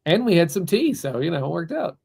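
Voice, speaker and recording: A male board game publisher hosts a relaxed livestream chat. His voice has a gravelly fry, and he talks in an excitable, rambling way, restarting sentences as he goes. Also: a little high, brisk.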